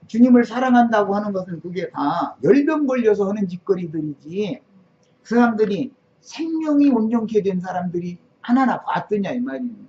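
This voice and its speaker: A woman's voice: medium pitch, warm tone. A woman preaching a sermon in an emphatic, sarcastic manner, firing off rhetorical questions. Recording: dull lo-fi recording.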